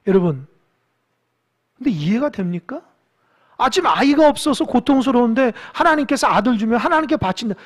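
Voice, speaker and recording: Animated Korean pastor exhorting. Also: medium pitch, a little fast, long pauses. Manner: animated, asks the congregation questions; exhorting, with quiet stretches. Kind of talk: sermon.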